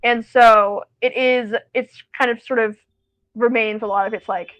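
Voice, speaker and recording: A teenage American girl, a student guest, chats over a call in casual conversation, rambling with lots of fillers and self-corrections. Her voice is a little high, with fairly even intonation and a measured pace. The audio is dull.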